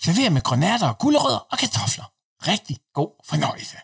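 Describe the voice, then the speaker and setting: A man narrating a recipe in a deadpan, instructional manner. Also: high-pitched, vocal fry, breathy edge.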